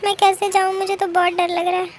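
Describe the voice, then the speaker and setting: This very high-voiced woman talks fast in a level tone, portraying a fearful, timid young woman in a fan drama dub. The character sounds anxious, begging and muttering under her breath. A faint hiss or hum can be heard.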